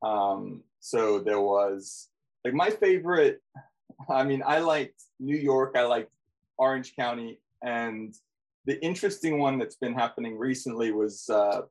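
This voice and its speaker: A man's voice: medium pitch, a little slow, low-quality recording. An Australian man guesting on a podcast in casual chat, speaking hesitantly with many fillers and restarts.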